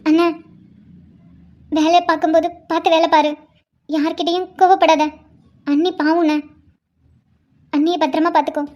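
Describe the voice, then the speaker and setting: A woman's voice: very high-pitched, level tone, normal speed, long pauses, darkish tone, lo-fi sound. A woman voicing a tearful young bride who pleads and says a tender goodbye to her brother in a cartoon. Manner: pleading, affectionate. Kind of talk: Tamil cartoon voice acting.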